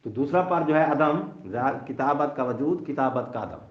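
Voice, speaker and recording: A man's voice: medium pitch, expressive. A man teaching a seminary logic class, asking questions and letting students finish his sentences. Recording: echoey dull lo-fi classroom audio.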